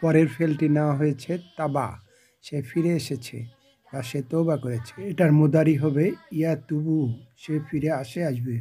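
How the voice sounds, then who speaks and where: A man's voice: a little high, steady tone, normal speed, dark tone, husky. A man teaching grammar step by step, reciting each word form in short phrases and then explaining its meaning.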